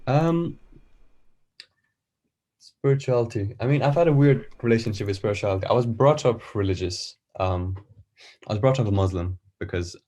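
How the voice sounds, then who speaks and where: A man from Iran, an artist guest on a podcast, talking casually and thinking aloud with many pauses and fillers. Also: fairly low pitch, mellow.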